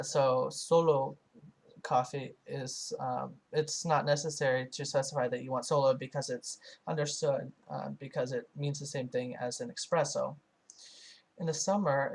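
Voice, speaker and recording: A man voicing a live translation over a foreign-language source. He speaks in a narrow, level pitch band and keeps a middle pitch. He pauses and hesitates often, with many filler sounds and restarted phrases. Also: vocal fry. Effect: live translation voiced over a foreign-language source. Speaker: student interpreter. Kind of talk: simultaneous interpretation voice-over.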